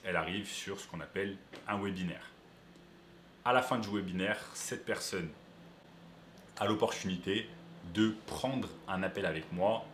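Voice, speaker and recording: In an echoey room with slight background noise, a man with a low, slightly bright voice coaches viewers on online business. He explains things step by step during a screen-share tutorial.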